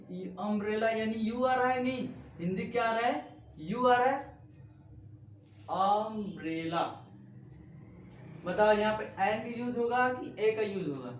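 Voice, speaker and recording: A man's voice: high voice, a little hiss or hum. A male teacher giving a classroom grammar lesson, asking the class question after question and spelling words out letter by letter. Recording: echoey room, voice from a distance.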